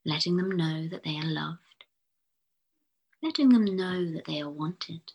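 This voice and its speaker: Woman, whispered guided visualisation, low voice, gravelly fry, slow and soothing. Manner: slow, soothing, hushed delivery. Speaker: fertility therapist.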